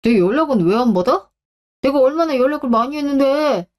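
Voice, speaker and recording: Radio drama: a sulky, entitled middle-aged son, voiced by a woman, pitched on the high side. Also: lively intonation, fairly quick, darkish tone. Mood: pleading. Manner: whiny and indignant, voice rising high. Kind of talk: Korean radio drama acting.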